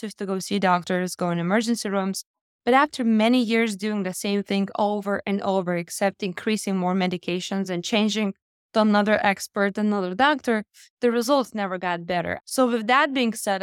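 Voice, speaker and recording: A woman from Lithuania with a Lithuanian accent appears as an interview guest and health entrepreneur, telling her personal story earnestly and emphatically. Her mid-range voice is smooth, recorded as clean studio sound with no room echo.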